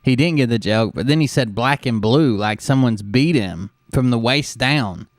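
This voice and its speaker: A man's voice: mid-range voice, moderate pace, no echo, studio quality. A man hosting a show, talking bluntly and mocking, swearing freely in casual commentary. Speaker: show host reacting to a clip.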